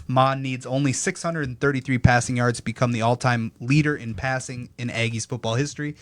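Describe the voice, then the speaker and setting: A young man hosts a casual sports podcast, reading headlines aloud and then riffing, teasing his co-hosts between items. His voice is mid-range, with no room sound.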